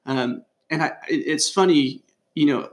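A man's voice: on the high side, a little slow. A young man from California co-hosting a sports podcast, telling stories with many fillers. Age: young adult. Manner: storytelling, with frequent fillers. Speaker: podcast co-host. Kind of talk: casual sports chat.

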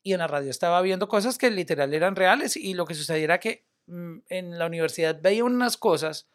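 A young man talks in a relaxed podcast conversation, his voice sitting notably high. He is animated and easygoing, sliding English words into his sentences. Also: fast talker. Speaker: media personality and former radio host. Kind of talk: casual podcast chat.

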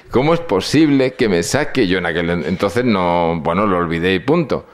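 A man's voice: low voice, lively intonation, normal speed. An older man giving a lecture, telling stories and acting out the dialogue in them. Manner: storytelling, acts out dialogue. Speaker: speaker on psychology and symbolism.

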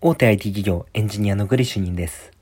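A man hosting a solo advice talk in a low, hushed late-night voice, polite and conversational. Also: racing, husky. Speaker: radio show host.

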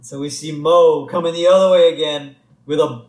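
A man with a somewhat high voice co-hosts a podcast, casually recapping a cartoon episode. He thinks out loud and poses questions. The room sound is echoey. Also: fairly even intonation, moderate pace. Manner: muses aloud and asks questions about the plot. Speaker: podcast co-host.

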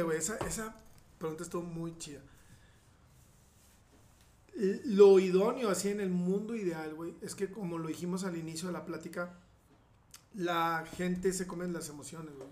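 High-voiced Mexican man, blunt and slangy. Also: fairly even intonation, normal speed, a little mellow, slight background noise. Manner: slangy, blunt, swears freely. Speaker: surgeon guest. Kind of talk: casual podcast chat. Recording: roomy echoey room.

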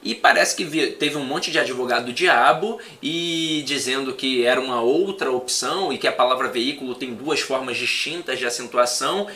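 A man who teaches for exam prep, chatting in a relaxed conversation and telling animated stories. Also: mid-range voice, normal speed, few pauses. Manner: animated storyteller, acts out quoted students. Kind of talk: casual podcast conversation.

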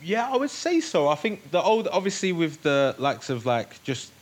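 A man, a guest on a podcast, talking in a relaxed way with plenty of fillers and agreeing "yeah"s. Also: a little high, normal speed. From North London, England. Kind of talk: casual conversational interview.

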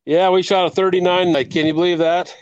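A man's voice: high-pitched, level tone, fairly quick, no room sound. A man chatting casually as a remote guest, easygoing and folksy, on lo-fi call-in audio. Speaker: tractor pull committee member, remote guest. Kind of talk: casual chat. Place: remote call from a golf course. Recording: dull, dry lo-fi call-in audio.

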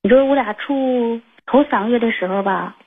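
Husky young woman on a phone line. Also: a little high, moderate pace. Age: 20s. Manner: rambling, many fillers and restarts. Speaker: caller. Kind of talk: telling a personal story on a call-in show.

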